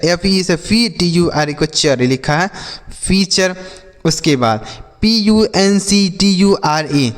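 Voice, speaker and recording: High-voiced male teacher, echoing hall. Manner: spells letters slowly, then asks and answers his own questions. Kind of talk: spelling and reading lesson for children.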